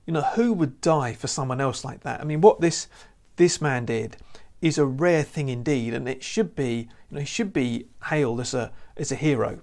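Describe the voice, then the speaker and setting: This preacher, filmed giving an earnest, conversational sermon to camera with repeated "you know"s, has a mid-range, slightly mellow voice and moves at a moderate pace with few pauses. He's recorded on a lapel mic indoors, beside a lamp and a church banner.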